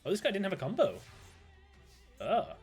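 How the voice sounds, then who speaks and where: A British man chatting casually while streaming a card game, thinking aloud, greeting viewers and breaking into sudden excited outbursts. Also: high-pitched, moderate pace, slightly rough, soft background music. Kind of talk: casual live-stream gameplay commentary.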